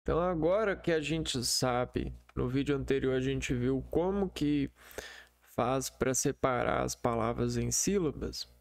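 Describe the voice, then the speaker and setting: A man teaching an online lesson over a shared screen, in a slow, hesitant way full of fillers. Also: medium pitch, vocal fry, no echo, clean studio sound.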